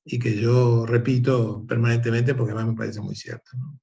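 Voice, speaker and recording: A man, the guest of an interview, telling a parable and reflecting in an animated, conversational way. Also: mid-range voice, fairly quick, gravelly, lo-fi sound. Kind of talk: conversational storytelling.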